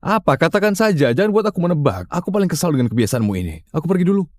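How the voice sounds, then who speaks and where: A man voicing a wealthy, controlling husband who talks briskly and gives orders in a dubbed drama. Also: fairly low pitch, animated, darkish tone, dry recording, studio quality. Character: smooth, controlling rich husband, quick to irritation.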